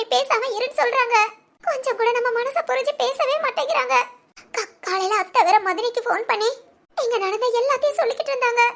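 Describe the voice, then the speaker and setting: A voice actor doing a timid, squeaky young wife. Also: gravelly, fairly bright tone, heavily acted. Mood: worried. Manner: pleading, anxious, quick. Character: young timid married woman, frightened. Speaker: daughter-in-law. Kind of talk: cartoon family drama voice acting.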